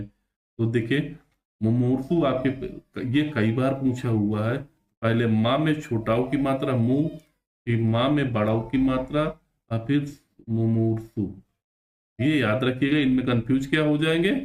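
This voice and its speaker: A man teaching Hindi spelling for an exam, explaining each answer patiently and repeating words slowly, sometimes stretching them out syllable by syllable. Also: mid-range voice, a little mellow. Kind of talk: exam-prep spelling lesson.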